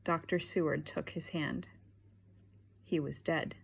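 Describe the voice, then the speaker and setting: A woman reads a learners' storybook aloud at a very slow, careful pace. Her voice is husky, with a gravelly edge. She keeps her pitch low. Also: steady tone. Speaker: audiobook reader. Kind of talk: scripted narration for learners.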